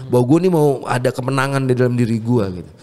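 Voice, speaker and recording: A man, a music producer telling a personal faith story in a casual chat, fervent and animated, with English words slipped into his slang. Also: mid-range voice, fast.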